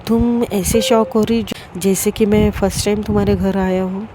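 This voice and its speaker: A woman's voice: mid-range voice, fairly even intonation, moderate pace, noisy background, natural voice. A woman voicing Raj, a pushy, playful young man who teases a friend, read in a storybook telling. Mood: teasing.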